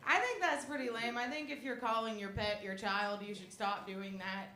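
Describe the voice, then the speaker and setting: Deadpan young woman doing stand-up. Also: on the high side, normal speed, a crowd in the background. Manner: deadpan, self-mocking delivery. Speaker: stand-up comedian. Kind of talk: stand-up comedy set. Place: comedy club stage with audience. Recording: echoey room with audience noise.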